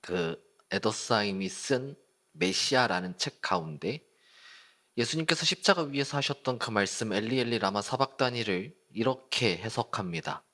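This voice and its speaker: A man's voice: fairly low pitch, animated, moderate pace, pushed and bright. A man preaching a sermon at a youth service, talking casually and putting questions to the congregation. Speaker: youth group pastor. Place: church service.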